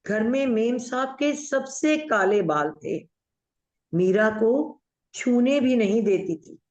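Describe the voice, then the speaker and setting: A woman's voice: a little high, expressive, slow pace, a little mellow. A woman acting a chatty, bossy middle-aged aunt in a play over a video call, mixing in English while she tells family stories. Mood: gossipy. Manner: mixes Hindi with English, gossipy storytelling. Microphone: video call audio. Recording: echoey room, dull muffled audio.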